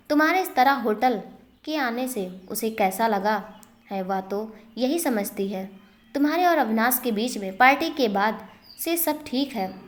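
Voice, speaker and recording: A woman voicing an exasperated, scolding middle-aged father in a storybook reading. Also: on the high side.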